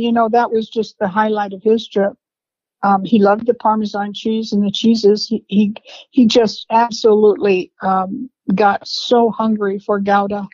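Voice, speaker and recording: An older woman, interviewed as the family matriarch, reminisces in an unhurried, rambling way, laughing between memories. Her voice is medium-pitched and a little mellow, captured in a dry, slightly dull lo-fi recording with no echo.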